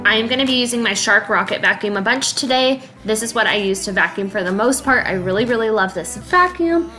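The cleaning vlogger, a woman in her thirties, voices her video expressively and a little fast, her fairly high voice pushed and bright. She chats enthusiastically and laughs here and there while faint music plays underneath.

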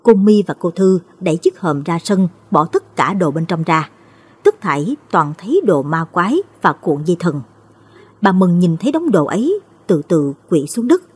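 A woman narrates a late-night story in a measured, expressive manner. Her voice is husky and fairly low, and her intonation rises and falls widely.

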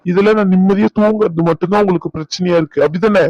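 A man's voice: high-pitched, steady tone, quick pace, no room sound, highs cut off. A man voicing an irritated grown son, a young doctor, talking back to his father. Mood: defiant. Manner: defiant, exasperated. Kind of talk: cartoon dub acting.

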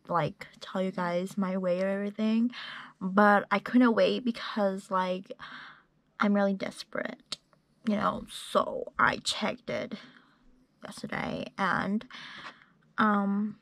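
Young woman, casual vlog chat, unhurried, rambling with fillers, phone camera at arm's length. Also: mid-range voice, fairly bright tone, no room sound. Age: young adult. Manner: rambling, filler-heavy, chatty. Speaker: vlogger. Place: small bedroom and parked car.

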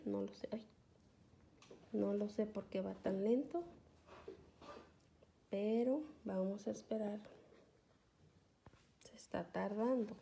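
A woman's voice: medium pitch, gravelly, warm tone. A woman vlogger giving a casual, chatty tutorial from her home, checking in with her viewers often as she films with a phone camera. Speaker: couponing vlogger. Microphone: phone camera filming a phone screen, off screen.

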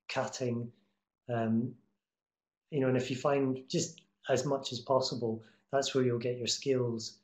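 A middle-aged TV promo editor joins an online talk as a guest speaker, answering students' questions over a video call through his webcam from an echoey room. His medium-pitched voice is flat, yet he's casual and encouraging, full of fillers and restarts.

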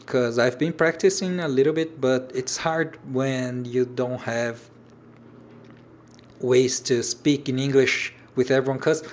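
An origami designer in his thirties chats casually on his home livestream, reading out viewer comments in a room with shelves. He has a medium pitch and a steady tone, talks a little slowly, and there's slight background noise. A native Portuguese speaker with a Brazilian accent, he often stops to search for English words and restarts phrases.

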